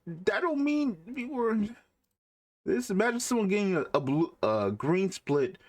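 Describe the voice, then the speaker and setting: A man's voice: sits high, very animated, measured pace, darkish tone. A man co-hosting a casual podcast chat, teasing and incredulous as he talks. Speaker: podcast co-host.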